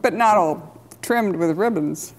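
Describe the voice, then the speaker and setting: A woman's voice: medium pitch, a little slow, faint music behind, low-quality recording. An older woman playing a trivia game, chatty and giggly, reminiscing about the old days. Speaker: trivia contestant. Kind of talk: casual game-show chat.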